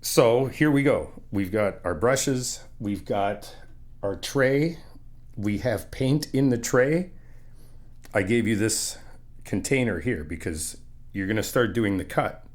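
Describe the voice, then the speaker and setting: In this laid-back ASMR roleplay, the speaker is a male friend lending a hand painting an apartment, easygoing and encouraging as he chats and explains with patience. He talks at a measured pace in a natural, somewhat low voice, sounding patient and instructive.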